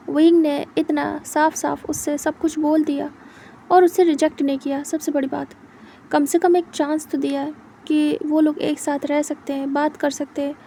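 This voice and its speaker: A woman reads a fan fiction story aloud in a high, mellow voice. Her delivery is plain and steady, with little rise and fall. She narrates evenly from line to line. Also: slight background noise.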